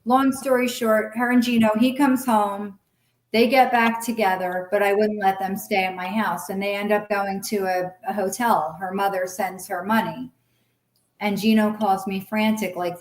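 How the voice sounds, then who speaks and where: This middle-aged woman, a guest recounting her story, is frank and blunt, swears without hesitation, and acts out past dialogue in animated quoted voices. Her voice sits at a middle pitch for a woman, with a clear, roomy echo in the recording.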